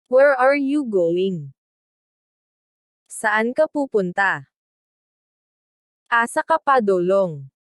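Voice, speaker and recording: A woman language teacher, reading short phrases slowly and deliberately in a translation drill. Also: medium pitch, sing-song, dry recording, clean studio sound. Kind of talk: slow read-aloud translation drill.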